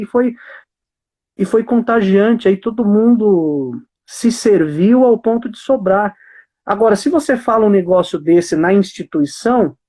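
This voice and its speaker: A man's voice: high-pitched, warm tone. A man speaking as a guest in a casual conversation on a video call, emphatic and stringing phrases together in rhythm.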